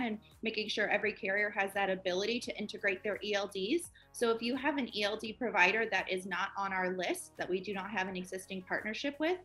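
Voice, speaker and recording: A woman's voice: medium pitch, sharp tone. A woman in her twenties, a guest on a company interview, explaining eagerly over a video call. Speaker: project manager guest.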